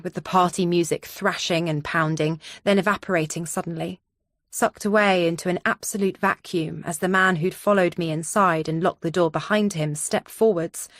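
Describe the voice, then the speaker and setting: An audiobook narrator, a woman with a voice on the low side, reads scripted first-person thriller narration. The studio sound is clean, with no room sound.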